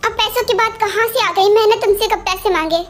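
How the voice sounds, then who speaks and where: A high-voiced performer dubbing a defensive young wife. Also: fairly quick, noisy background. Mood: pleading. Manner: defensive, pleading and explaining. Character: young wife defending herself to her husband. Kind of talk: amateur Hindi fan dub.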